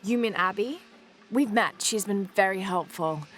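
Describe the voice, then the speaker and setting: A woman's voice: medium pitch, a little slow, natural voice. A woman playing Lara Croft, determined. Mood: dry. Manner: steady, urgent and determined. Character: bold young female explorer, resolute and driven. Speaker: adventurer. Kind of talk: video game cutscene acting.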